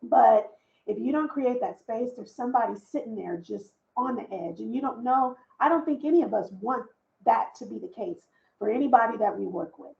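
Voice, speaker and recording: A woman talks on a panel in an earnest, emphatic way, circling back to press her points. Her voice sits a little high and has a gravelly edge. It comes through a video call that sounds roomy and dull. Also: normal speed. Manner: earnest, emphatic storytelling with repeated phrases. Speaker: panelist, diversity and inclusion leader. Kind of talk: conversational panel discussion.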